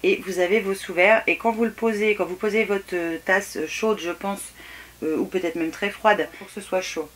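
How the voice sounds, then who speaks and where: A woman's voice: mid-range voice, steady tone, moderate pace. A woman chatting casually through an unboxing, frank and hesitant, with many fillers and restarts. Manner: frank, mildly critical. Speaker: vlogger.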